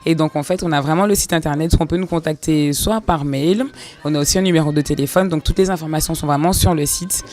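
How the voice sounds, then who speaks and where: A tourism entrepreneur from Guadeloupe speaking fluently in an interview, leaning often on fillers and restarts. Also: female voice, low-pitched, quick pace, a little mellow, faint music behind. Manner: fluent but filler-heavy, says 'en fait' often.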